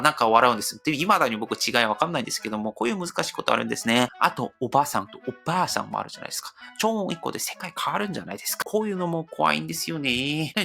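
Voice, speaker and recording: Animated Korean-accented man explaining. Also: a little high. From South Korea. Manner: animated, mimics voices in quotes. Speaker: channel host. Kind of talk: casual explainer talk to camera.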